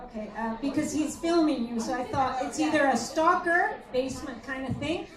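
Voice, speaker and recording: A woman's voice: sits high, a little fast, a crowd in the background. A woman hosting a live comedy show, directing and questioning people, heard from off in an echoey venue. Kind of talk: crowd work, audience hosting. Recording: echoey venue, distant, audience noise.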